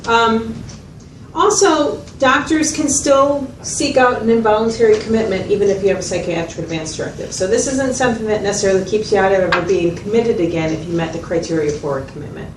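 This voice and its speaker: Speaking briskly in a mid-range, lightly acted voice, a woman role-plays a patient mental health facilitator. In this one-to-one consultation she explains things methodically, step by step, and checks understanding. A distant mic picks up a roomy, noisy space.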